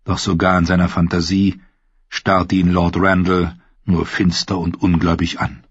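Low husky male audiobook narrator. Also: dry recording. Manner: steady, measured reading. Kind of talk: scripted narration. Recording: slightly dull dry studio recording.

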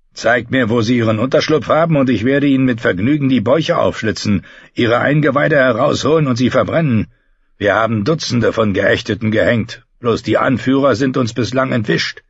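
Give me a contemptuous, commanding lord from a storybook, as a narrator puts him on, cutting and scornful in every line. The voice is husky and is heard in a dry, slightly muffled recording. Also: male voice, mid-range voice, no room sound. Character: harsh scornful older male lord, contemptuous.

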